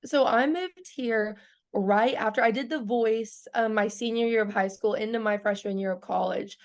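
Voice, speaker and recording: A bubbly country singer in her early twenties chats casually in an interview, laughing often and sprinkling her speech with "like." Her voice is on the high side, and she talks at a normal speed.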